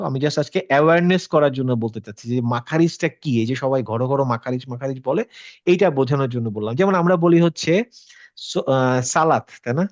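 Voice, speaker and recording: A man's voice: medium pitch, darkish tone, no room sound. Patient male tajweed teacher, lo-fi. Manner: patient, checks with students by asking questions; mixes English words into his talk. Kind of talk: interactive class explanation. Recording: slightly dull, dry lo-fi audio.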